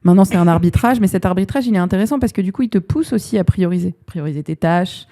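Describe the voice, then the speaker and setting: A woman's voice: fairly low pitch, fast, warm tone. A woman in her thirties, an HR director guest on a podcast, talking reflectively and searching for her words. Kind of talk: casual podcast interview.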